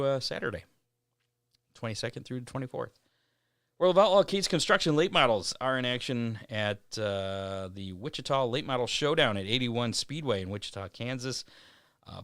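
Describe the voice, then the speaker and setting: A man with a low voice hosts a racing show. He works through event listings in a casual, halting way, filling gaps with "uh". The sound is dry and close. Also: a bit bright, clear, resonant tone, no room sound. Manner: reads schedules with frequent "uh" pauses. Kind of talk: casual racing news rundown.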